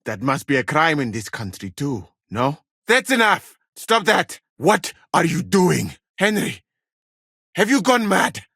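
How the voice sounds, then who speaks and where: An actor playing a learned, courteous physician from Mali in a video game, a husky voice and measured, formal phrasing. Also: male voice, a little high, sing-song, bright, forceful tone, dry recording, studio quality, heavily acted. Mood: alarmed, outraged. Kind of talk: video game character dialogue.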